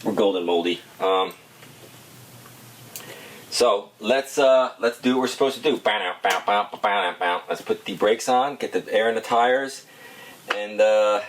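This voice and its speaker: A man with a low, deep voice rambles through a bike build, half talking to the camera and half muttering to himself. The noisy home recording carries clicks and hiss behind him. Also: unhurried, pauses often. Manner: rambling, talks to himself, mutters while tinkering. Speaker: BMX shop founder building a bike. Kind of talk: casual running commentary while working. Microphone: action camera mic.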